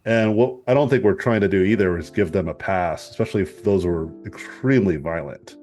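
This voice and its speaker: Man, lowish voice, rambling and reflective, casual swearing, faint music underneath. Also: fairly quick, darkish tone. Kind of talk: casual group discussion.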